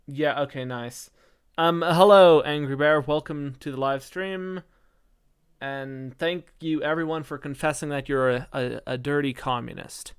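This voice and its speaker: A man's voice: medium pitch, a little slow, smooth. A man hosting a live stream, chatting casually, joking and reading chat comments aloud.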